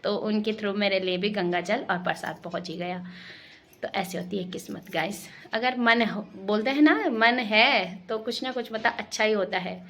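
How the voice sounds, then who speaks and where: Chatty, fast-talking Garhwali woman vlogger. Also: mid-range voice, fairly bright tone, a little hiss or hum. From Garhwal, Uttarakhand. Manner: fast-talking, chatty, addresses viewers as guys. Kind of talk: casual home vlog.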